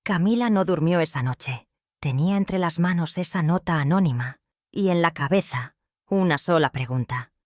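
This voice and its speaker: A woman narrating a scripted family drama in a measured, dramatic way. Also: low-pitched, no room sound, studio quality.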